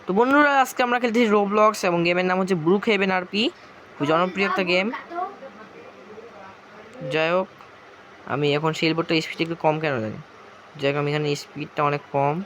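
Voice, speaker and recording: A hoarse man with a Bangladeshi Bengali accent, rambling through casual gameplay commentary as a gaming YouTuber. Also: sits high, brisk, long pauses, a bit bright, a little hiss or hum. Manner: rambling, chatty, keeps circling back with the same filler. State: hoarse from a cough.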